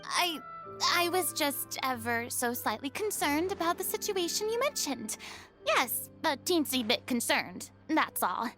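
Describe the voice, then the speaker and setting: A proud, theatrical young ex-goddess from a video game, all grand pronouncements that keep slipping into flustered bluster. Her voice sits high and bright, over a soft music bed. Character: theatrical proud young woman, former deity.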